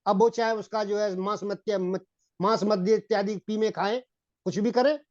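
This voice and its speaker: A man giving a Hindi-accented sermon on Vedic philosophy, repeating phrases and often addressing his listeners as gentlemen. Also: sits high, fairly even intonation, moderate pace, dry recording. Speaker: Vedic preacher. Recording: dull, dry lo-fi recording.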